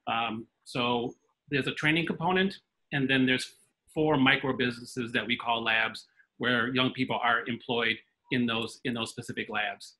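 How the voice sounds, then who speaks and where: Bright-voiced middle-aged man listing fluently. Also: medium pitch, fairly even intonation, normal speed, poor audio. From Midwestern US. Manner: fluent, listing things crisply. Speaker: panelist, arts organization founder. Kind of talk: self-introduction on a video call. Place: home room with framed posters. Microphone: video call webcam.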